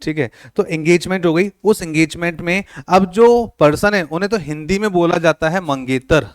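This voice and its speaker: In a classroom lecture, a man with a slightly high voice speaks at a moderate pace, playfully joking with his students, teasing them with quiz questions and mixing words. The recording is dry with clean studio sound.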